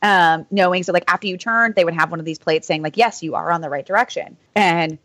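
A woman's voice: lowish voice, quick pace, fairly bright tone, no echo. A woman guest on a podcast, chatting casually about running and laughing often, with many "like" fillers. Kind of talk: casual chat.

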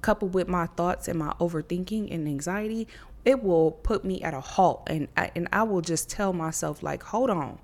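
Speaking at a moderate pace in a lowish, darkish voice, a young woman runs her podcast solo from her living room. She holds the mic in her hand, keeps things casual and candid, swears a lot, and laughs frequently.

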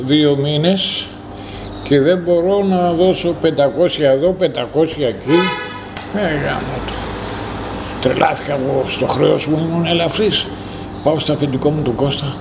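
Older man, from northern Greece, former miner, rambling storyteller, acts out dialogue, higher voice, noisy recording. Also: creaky. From Thrace, northern Greece. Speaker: interviewee, former coal miner. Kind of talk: storytelling interview. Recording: noisy background.

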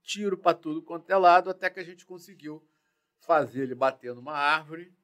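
A man, a former police chief telling war stories in a slangy, profane, animated way. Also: a little high, brisk. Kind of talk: casual storytelling interview.

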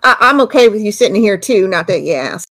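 A woman's voice: medium pitch, very animated, fast talker, fairly bright tone, dry recording. A woman with an Appalachian accent, role-playing casually in a tabletop game with folksy, plain-spoken hillbilly talk. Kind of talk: in-character role-play, casual.

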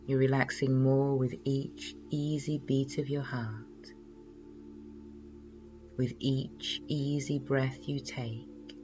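Slow hypnotist-voiced man, very even pitch. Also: lo-fi sound, music in the background. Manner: slow, soothing, measured, hypnotic delivery with pauses. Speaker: podcast host leading a guided relaxation. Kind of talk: slow hypnotist-style guided relaxation.

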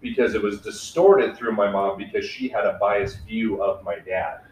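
A man's voice: lowish voice, moderate pace, a little mellow, distant mic, a little hiss or hum. A young man hosting a casual podcast, talking candidly and reflectively, swearing freely and leaning on filler words. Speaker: podcast host. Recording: echoey room, away from mic.

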